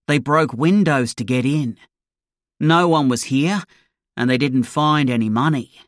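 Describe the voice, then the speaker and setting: A protective father, read by a storybook narrator, steady and firm. The delivery is unhurried, in a dry, close recording. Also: medium pitch, no echo, natural voice. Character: calm, protective father and restaurant owner.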